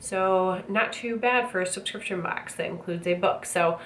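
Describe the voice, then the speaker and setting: An American woman hosting an unboxing channel chats casually through a product review at normal speed. Her medium-pitched voice is a bit bright but wheezy, congested, and out of breath. The recording has a roomy echo and clear background noise.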